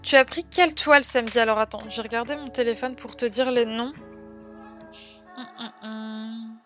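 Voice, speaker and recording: A woman's voice: fairly high pitch, fast, a bit bright, faint music behind. A young woman with a French accent, chatting casually on a livestream, reading out and answering viewers' comments with many fillers. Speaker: streamer.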